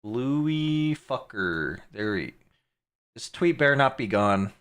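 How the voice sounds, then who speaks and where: A man's voice: mid-range voice, big pitch swings, slow, a bit bright, smooth. A man streaming live, reacting to clips with crude jokes and frequent laughter. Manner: crude, joking, laughs often. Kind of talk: casual live-stream commentary.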